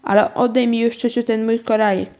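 A woman's voice: little pitch movement, fairly quick, dark tone, natural voice. Woman doing an anxious little girl. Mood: urgent, pleading. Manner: urgent, high and pleading. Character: worried polite little girl.

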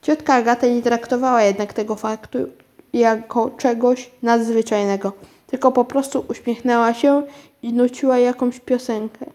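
A woman reads a children's story aloud in a steady storytelling voice that sits a little high. She now and then stumbles over a word and restarts it. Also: normal speed. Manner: steady reading with occasional slips and restarts. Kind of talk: reading a children's book aloud.

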